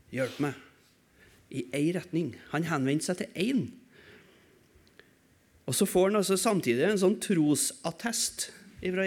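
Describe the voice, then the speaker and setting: A man preaching a sermon in a church service, asking rhetorical questions and swinging between raised calls and quiet, low passages. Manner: emphatic, asks rhetorical questions and answers them.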